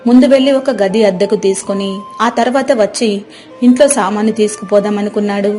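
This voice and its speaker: A woman's voice: mid-range voice, steady tone, quick pace, mellow, soft background music. Woman narrating a cartoon story.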